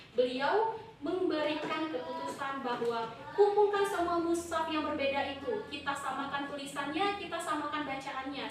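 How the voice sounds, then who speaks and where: High-voiced young woman teaching a class. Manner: lively, asks the class questions. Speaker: student teacher. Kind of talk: classroom lesson. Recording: echoey classroom, far from the mic, noisy.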